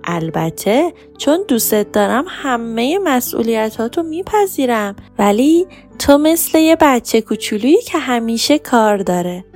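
A woman's voice: fairly high pitch, sing-song, a little mellow, faint music behind. Give me a woman doing a grumbling little boy. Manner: grumbling, lecturing, patient. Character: grumbling but caring young boy. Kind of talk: children's storybook voice.

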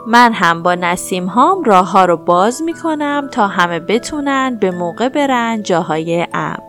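Woman voicing a fast wind hero, upbeat and helpful, storybook character. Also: medium pitch, expressive, fairly bright tone, faint music behind, lightly acted. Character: swift wind cloud hero.

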